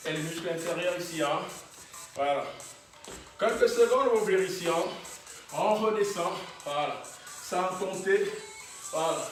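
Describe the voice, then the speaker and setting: A man leading a fitness class, calling out short encouraging exercise cues and chuckling often. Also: high voice. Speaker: fitness instructor. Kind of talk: workout class instruction. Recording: very echoey room, voice from a distance, faint music.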